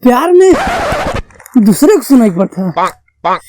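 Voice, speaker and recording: A man's voice: extremely high pitch, big pitch swings, slow, noisy background, heavily acted. A man playing a whiny, rambling drunk villager with an Awadhi accent in an amateur comedy sketch. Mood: tipsy philosophizing.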